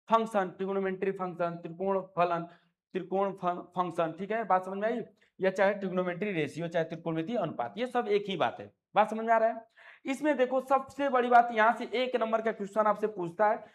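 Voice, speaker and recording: A male maths teacher explaining a lesson, coaxing his students with affectionate call-and-response questions and repeated check-ins. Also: sits high. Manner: affectionate, repeats "है ना" and "ठीक है बाबू". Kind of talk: classroom explanation.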